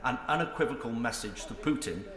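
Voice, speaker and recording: A man's voice: mid-range voice, lively intonation, fairly quick, fairly bright tone. A man putting an emphatic formal question as a member of parliament. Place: large debating chamber. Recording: echoey hall, faint background noise.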